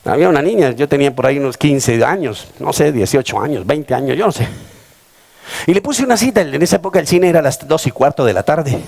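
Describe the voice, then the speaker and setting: Gravelly Colombian pastor preaching dramatically. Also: male voice, expressive, fast talker, a little mellow. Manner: dramatic preaching with big swings in pitch, calls to the congregation. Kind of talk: sermon. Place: church service before a congregation.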